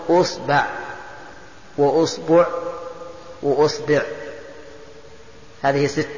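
A man teaching a lesson in a big hall, his fairly high voice ringing with a long, roomy echo. The recording sounds dull and lo-fi. He asks his listeners short questions and answers them himself, patiently running through each variant. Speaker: teacher of religious texts. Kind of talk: classroom lecture explaining grammar and texts.

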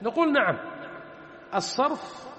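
A man gives a classroom lesson in a very high voice, spelling out forms one by one and answering his own questions. His voice rings around a roomy space with a long trailing reverb. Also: big pitch swings, pushed and bright. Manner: repeats words slowly, asks and answers his own questions. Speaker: teacher of Arabic morphology. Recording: echoey room with long reverb.

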